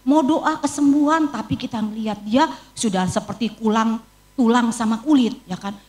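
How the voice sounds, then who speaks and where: A woman's voice: a little high, moderate pace, darkish tone. A middle-aged woman evangelist with an Indonesian accent, preaching a sermon and telling her own story with feeling. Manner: storytelling, emotional, quotes her own prayers. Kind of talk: sermon with personal testimony.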